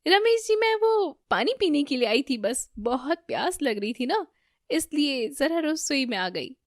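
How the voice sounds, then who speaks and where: A woman's voice: on the high side, lively intonation, unhurried, dry recording, studio quality. A woman voicing a scheming young daughter-in-law who steals from her family, in a cartoon story. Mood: panicked. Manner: sly, scheming asides, panicky when caught.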